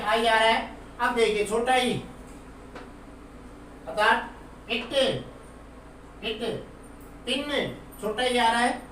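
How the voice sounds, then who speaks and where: A man's voice: sits high, a bit bright, a little hiss or hum. A man teaching an English lesson, explaining patiently and repeating example words to drill them. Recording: very echoey room, far from the mic.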